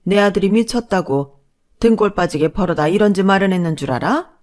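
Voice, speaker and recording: A woman's voice: mid-range voice, brisk, a little mellow, lightly acted. A woman voicing a domineering older mother-in-law who scolds with contempt. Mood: scornful.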